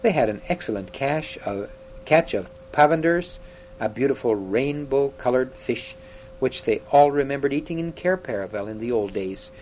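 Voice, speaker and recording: A man reading a children's novel aloud in steady, unhurried storytelling, with small slips and restarts. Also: medium pitch, a little hiss or hum, low-quality recording. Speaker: audiobook reader.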